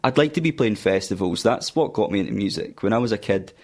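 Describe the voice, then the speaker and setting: A man from Fife speaks fast in a lowish voice, his Scottish accent clear as he chats about his band. He's a guitarist visiting a radio studio, relaxed in manner and dropping words like "aye" and "wee."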